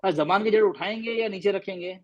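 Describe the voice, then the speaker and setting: High-voiced man teaching pronunciation. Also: a little fast, muffled recording. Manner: patient, repeats and quizzes students. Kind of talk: online class on Arabic letter pronunciation.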